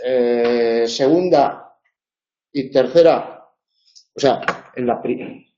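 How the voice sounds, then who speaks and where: Male lecturer, chatty and wry with lots of fillers, mellow voice in an echoey room. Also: mid-range voice, extremely slow. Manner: chatty, wry asides, many fillers and restarts. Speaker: university lecturer. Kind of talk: informal tutoring lecture. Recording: dull roomy classroom recording.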